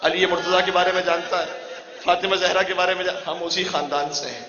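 A man's high, bright voice carries a mourning sermon through a large, echoey hall with long reverb, over a noisy background. His intonation stays fairly even, yet he tells the story with passion and growing emotion, all captured on dull, lo-fi audio.

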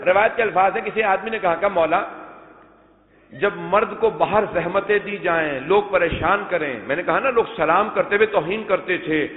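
A high-pitched man gives an emotional mourning sermon and turns often to the congregation as he tells old narrations. His voice rings with a long hall reverb and comes through thin and tinny, like a phone line. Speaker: Shia preacher.

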